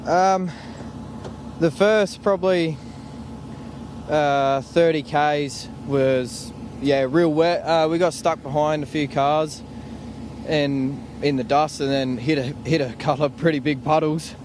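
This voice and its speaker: A man's voice: on the high side, steady tone, slow pace, darkish tone. A young man with an Australian accent, a race navigator chatting casually in an outdoor post-race interview. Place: outdoors at a desert race finish line. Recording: faint outdoor vehicle noise.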